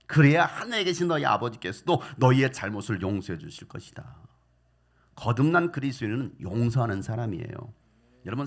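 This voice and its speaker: A middle-aged male pastor preaching a sermon with great passion, swinging from quiet asides to loud, emphatic lines and leading the congregation in reading scripture. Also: mid-range voice.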